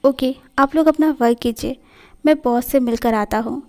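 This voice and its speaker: A friendly young male coworker with a casual, curious way of talking, read by a woman in a high voice. He asks easy questions throughout this read-aloud story. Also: normal speed, darkish tone. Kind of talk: storytelling in a fan fiction reading.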